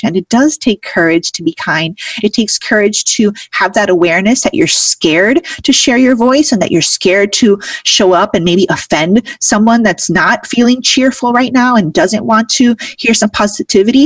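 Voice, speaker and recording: A woman's voice: medium pitch, no echo, far from the mic. A woman hosting a podcast, talking in an earnest, upbeat and heartfelt way in casual conversation. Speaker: podcast host.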